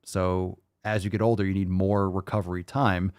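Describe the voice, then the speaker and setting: Deep-voiced man hosting a fitness Q&A. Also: flat delivery, moderate pace, darkish tone, clean tone, dry recording, studio quality. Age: 30s. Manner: conversational, thinks aloud with fillers and restarts. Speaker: fitness podcast host answering questions. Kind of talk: livestream Q&A.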